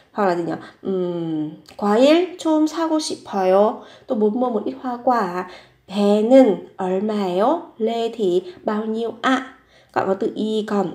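A Korean language teacher with a darkish, mid-range voice leads a vocabulary lesson. Patiently, she repeats words and asks herself questions about example sentences, and the room gives off an echo.

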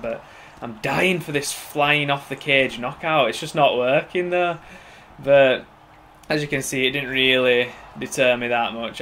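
A man's voice: mid-range voice, fairly bright tone, slight background noise. A young man giving casual, upbeat gameplay commentary as a channel host. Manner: chatty, upbeat, informal.

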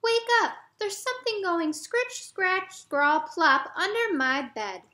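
A woman voicing a small, frightened young frog boy in a storybook read-aloud, pleading in a high voice. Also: lively intonation, unhurried, bright, forceful tone, echoey room, exaggerated voice. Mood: pleading, scared.

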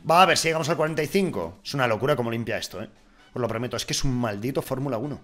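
A young man from giving casual, excitable gameplay commentary, swearing and swinging from mutters to shouts. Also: mid-range voice, racing. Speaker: gaming YouTuber.

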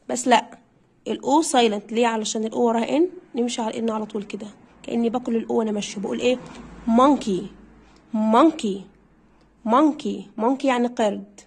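A woman's voice: a little high, fairly even intonation, rapid-fire, vocal fry, a little mellow. A young woman with an Egyptian Arabic accent, teaching a primary English pronunciation lesson, coaxing her listeners and drilling words by repeating them.

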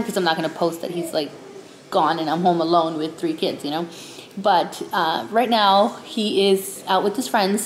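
A woman's voice: on the low side, a little hiss or hum. A woman in her thirties chatting casually to the camera at home, explaining things in an easygoing, talkative way. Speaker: vlogger and flight attendant. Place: indoor rooms at home, kitchen and bedroom. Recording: echoey home rooms.

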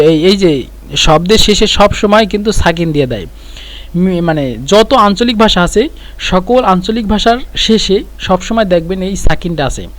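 A middle-aged man teaching spoken Arabic phrases, repeating each one slowly and explaining it word by word. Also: high-pitched. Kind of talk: spoken language lesson.

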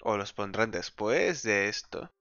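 A man's voice: fairly low pitch, animated, unhurried, bright, forceful tone, clean tone, no room sound, muffled recording. A man giving casual, exasperated let's-play commentary, muttering and laughing often. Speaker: gaming streamer.

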